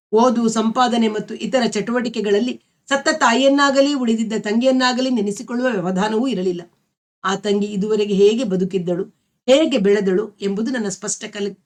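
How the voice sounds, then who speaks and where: A woman storyteller reading a novel aloud in a measured, expressive way. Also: mid-range voice.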